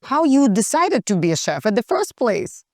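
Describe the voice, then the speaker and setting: A woman's voice: fairly high pitch, very animated, moderate pace, darkish tone, no room sound, clean studio sound. A woman interviewing a guest, asking short questions and giving friendly reactions. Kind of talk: casual interview.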